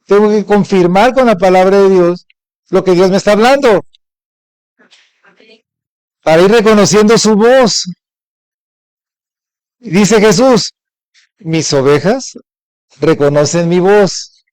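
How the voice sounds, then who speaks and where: A man's voice: sits high, unhurried, pauses often, darkish tone, clean tone, no echo, rough recording. A middle-aged Mexican man preaching a Sunday sermon as pastor, often asking his congregation questions. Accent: Mexican Spanish. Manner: asks the congregation frequent rhetorical questions.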